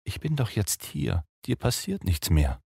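A man voicing a soft, tender young woman. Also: lowish voice, animated, moderate pace, breathy edge, no room sound, clean studio sound, voice pushed up. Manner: soft, gentle, hushed. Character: young woman soothing her frightened fiancé.

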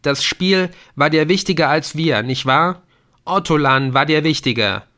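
Brief: man doing a grieving young son, raised higher and louder than his reading voice, raw and accusing, audiobook. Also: expressive, unhurried.

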